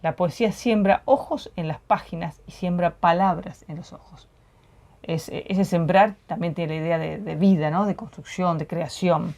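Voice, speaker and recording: A woman, co-hosting a poetry program, reading poems aloud and discussing them in a measured, reflective way. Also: fairly low pitch, creaky, a little mellow. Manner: reflective, measured, frequent tag questions.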